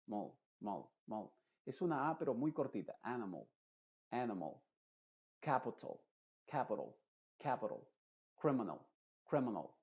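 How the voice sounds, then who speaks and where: A male teacher walks through pronunciation at an unhurried pace, stretching out and repeating each example word syllable by syllable. His voice sits at an ordinary middle pitch, and the recording sounds slightly dull and lo-fi. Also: a little mellow. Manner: slows down and repeats words syllable by syllable. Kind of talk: explanatory lesson with drawn-out example words.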